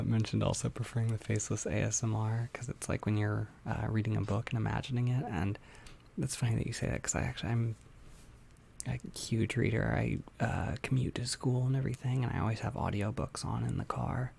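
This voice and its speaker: A young adult ASMR host talks casually to a livestream, mostly whispering. The voice is soft and very gravelly with heavy creak, halting and informal, with small clicks from a tongue piercing. A faint noise sits behind it. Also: mid-range voice. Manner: soft-spoken, hesitant, informal. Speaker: ASMR content creator hosting a livestream.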